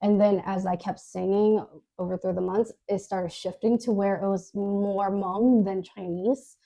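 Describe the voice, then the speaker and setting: Over poor audio, a woman co-hosting a podcast tells her story in a casual, faltering manner with many fillers, restarts and little laughs. Her mid-range voice is mellow and unhurried, with fairly even intonation, and she laughs frequently.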